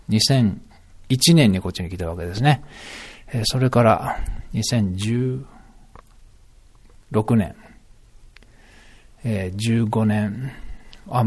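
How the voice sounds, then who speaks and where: A man's voice: lowish voice, darkish tone, breathy edge. A middle-aged man musing aloud in a solo podcast monologue, rambling with many fillers and self-corrections.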